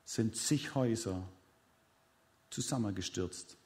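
A man's voice: on the low side, takes it slowly, darkish tone. A man preaching a sermon, retelling a story dramatically with repeated counting and speaking directly to his congregation.

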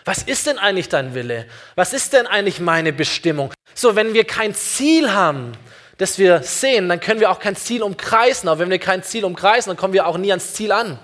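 A male pastor delivers an earnest sermon in a high voice with lively intonation, talking fairly quickly. He warmly addresses listeners directly, putting many questions straight to the congregation.

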